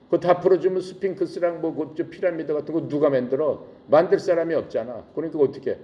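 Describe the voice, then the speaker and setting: A male preacher retelling a Bible story in a casual, animated way, full of rhetorical questions. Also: on the high side, quick pace, dull audio. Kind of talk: sermon.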